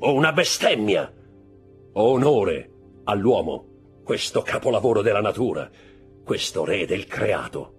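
A man's voice: fairly low pitch, big pitch swings, a little slow, slightly rough, faint music behind, exaggerated voice. A man voicing a cold, bitter aristocratic count who speaks in a sardonic, declaiming manner.

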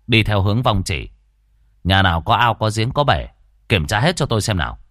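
A man narrating a ghost story in expressive audiobook style. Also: lowish voice, breathy edge, dry recording, clean studio sound.

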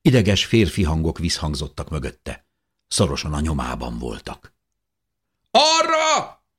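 A middle-aged man reading a first-person audiobook in a tense, expressive storytelling manner. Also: very deep voice, breathy edge. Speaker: audiobook reader.

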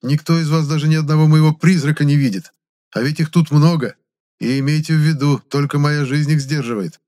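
A man's voice: on the high side, steady tone, a little fast, mellow, pitched above the performer's own voice, lightly acted. Defiant young hero who sneers at his captors, read by a man in a lifted, mocking voice. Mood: taunting. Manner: mocking, taunting. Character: cocky young male necromancer hero, defiant.

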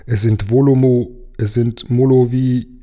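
A man doing a tiny high-voiced mermaid girl. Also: steady tone, unhurried, natural voice. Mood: curious. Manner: high, soft, inquisitive voice. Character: tiny delicate transparent girl mermaid, curious.

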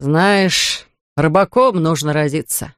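A reader voicing a tired, gentle middle-aged fisherman who speaks slowly and evenly, read close to a dry studio mic. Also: mid-range voice, clean tone, dry recording. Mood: calm.

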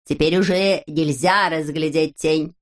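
A woman doing a calm, slow-speaking wise little leader. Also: deep voice. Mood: explaining. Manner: slow, explaining, measured.

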